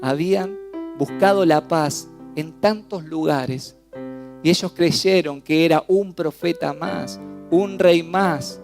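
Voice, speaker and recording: Argentine male preacher, fairly high voice, impassioned sermon, rising and falling, soft keyboard underneath. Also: gravelly. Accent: Rioplatense Spanish. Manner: impassioned, swinging from loud outbursts to hushed, slow phrases. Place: church. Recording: soft piano music behind the voice.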